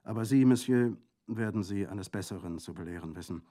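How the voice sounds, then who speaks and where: A man's voice: low-pitched, a little fast, warm tone. A man reading aloud and voicing a formal, somewhat condescending government prefect. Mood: patronizing. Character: official French prefect, formal and patronizing. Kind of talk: audiobook reading.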